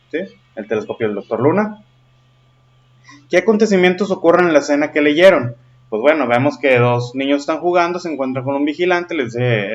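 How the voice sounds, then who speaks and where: A man teaching a lesson patiently and often checking in with his listeners, in a slightly dull recording. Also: mid-range voice. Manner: patient, checks in with frequent questions. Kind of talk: explaining a lesson.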